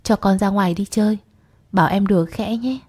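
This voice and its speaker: A woman voicing a gentle, caring mother in a spoken short story. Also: mid-range voice, fairly quick, husky, close to an everyday voice.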